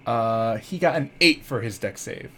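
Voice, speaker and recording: A man's voice: mid-range voice, animated, unhurried, bright, forceful tone. A man acting as game master, narrating the action and directing players casually over an online voice call. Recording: faint background noise.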